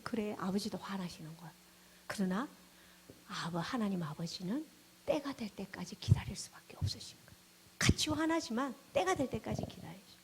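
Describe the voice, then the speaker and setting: Woman, pastor, sermon, husky breathy voice, animated swings from hushed to loud. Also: high voice. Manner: animated preaching, dropping to hushed tones and rising to exclamations.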